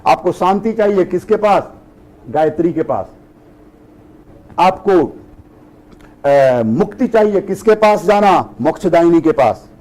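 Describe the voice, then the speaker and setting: A man's voice: high voice, animated, slow, pauses often, a little mellow, low-quality recording. A middle-aged man, a spiritual teacher, giving a discourse to an audience. He asks rhetorical questions and answers them himself, and he drops English phrases into his talk.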